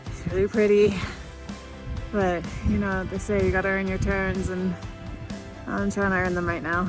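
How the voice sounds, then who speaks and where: A woman's voice: medium pitch, little pitch movement, normal speed. Candid woman vlogging outdoors over music. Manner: chatty, candid, exclaiming, with laughs and sighs. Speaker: solo hiker filming herself. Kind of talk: casual vlog to camera. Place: outdoors in high mountains. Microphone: self-shot camera held or set nearby.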